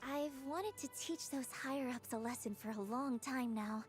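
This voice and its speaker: A woman's voice: sits high, normal speed, over music, close to an everyday voice. An actress voicing a determined young female idol in a video game, speaking in an earnest, composed, articulate way. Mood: earnest resolve. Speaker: game character voice actor. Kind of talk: scripted video game dialogue.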